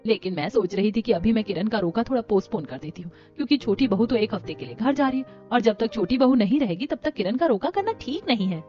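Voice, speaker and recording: A man voicing an older, caring mother-in-law in an animated story, gentle and concerned. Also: high-pitched, fast talker, hardly any pauses, voice pushed up. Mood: calm. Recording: dull lo-fi with music.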